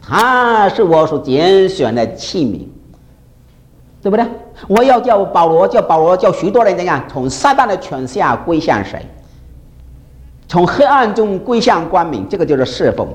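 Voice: mid-range voice, sing-song, normal speed. A preacher giving an emphatic sermon who keeps asking the congregation rhetorical questions.

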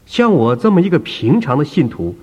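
A man doing an elderly woman of faith, her voice high and husky as she protests again and again. It swings widely up and down and rings through a large echoing hall. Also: very animated, fairly quick, darkish tone, highs cut off, full character voice. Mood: earnest. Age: older. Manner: insistent, rising protests. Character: elderly devout woman, anxious and indignant.

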